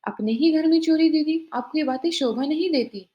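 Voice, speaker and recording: A woman's voice: high-pitched, normal speed, mellow, muffled recording, pitched above the performer's own voice, natural voice. A woman voicing a greedy, scheming young daughter-in-law who talks sweetly while shifting blame. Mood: sly.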